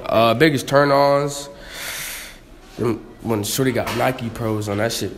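A teenage boy in a school restroom answering in low-key crude slang. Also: measured pace, crowd noise. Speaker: interviewee. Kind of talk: casual chat.

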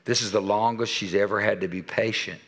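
A man in his sixties preaching a sermon in a church, telling a story with animated quoted dialogue and dropping to a soft voice for serious points. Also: fairly low pitch, brisk. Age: 60s. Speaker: pastor. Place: church sanctuary.

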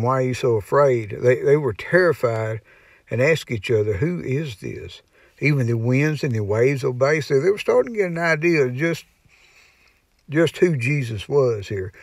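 A man giving an informal Bible teaching in a folksy, rambling way, often pausing with "you know" and restarting his sentences. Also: medium pitch, no room sound. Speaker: preacher.

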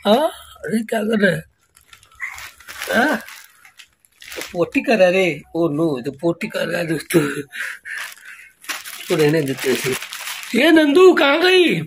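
Talking slowly with long pauses, this man's fairly high voice comes through with slight background noise. He's a family vlogger recording a chatty home vlog on a handheld phone, treating his viewers like friends throughout.

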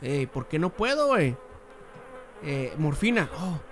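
A young man with a Mexican accent giving crude, slang-heavy commentary while playing a game, breaking into sudden shouts. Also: on the high side, big pitch swings, a little slow, a little hiss or hum. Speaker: gamer. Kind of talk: profane gameplay commentary.

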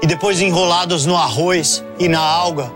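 A man's voice: on the high side, moderate pace, over music, natural voice. A Brazilian man in his thirties playing a put-upon, self-pitying aquatic superhero in a sketch comedy interview, talking in a whiny, aggrieved way.

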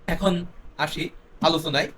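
A man teaching a grammar lesson. He explains step by step, slips English words in, and repeats his example sentences slowly. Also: a little high, a bit bright, slight background noise.

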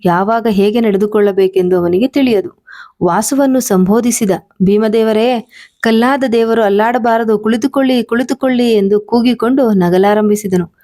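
A woman reading a humorous memoir-style story aloud in a lively storytelling manner. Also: mid-range voice. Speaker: audiobook reader.

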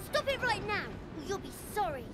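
A woman's voice: extremely high pitch, very animated, fairly quick, background noise. A woman voicing a lonely, defiant shadow child in a video game, speaking in a petulant, childish way. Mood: upset, defiant.

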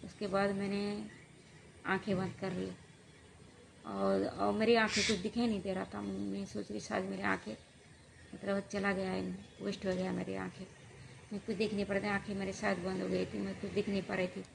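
A woman vlogger recounts a personal story, her voice gravelly and low in melody, barely rising or falling. She speaks haltingly, with frequent pauses and fillers, and grows earnest when she advises the listener. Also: level tone, slight background noise.

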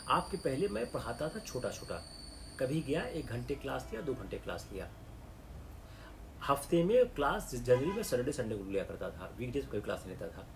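Lively-voiced Indian man lecturing a class. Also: fairly high pitch, a little hiss or hum. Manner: mixes English into the talk, slow and deliberate in English. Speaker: civil services exam lecturer.

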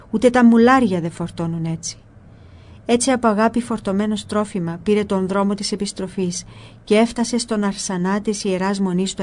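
A woman narrating a spiritual book in a calm, measured storytelling voice. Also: mid-range voice.

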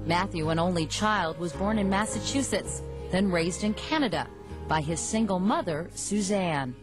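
A woman's voice: fairly low pitch, lively intonation, normal speed. A woman narrating a scripted entertainment news feature in a polished, wry tone. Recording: music bed under voice.

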